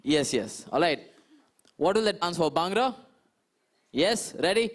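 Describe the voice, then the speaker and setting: A man with an Indian accent working as an energetic event host, coaxing a live audience. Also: on the high side, unhurried. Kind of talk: live crowd hyping. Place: conference stage with audience.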